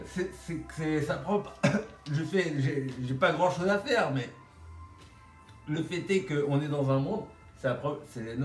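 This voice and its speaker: A man's voice: mid-range voice, darkish tone. A man with a slight lisp and whistled S sounds, rambling bluntly and casually in slang like a vlogger. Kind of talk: casual vlog monologue. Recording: roomy echo, distant microphone.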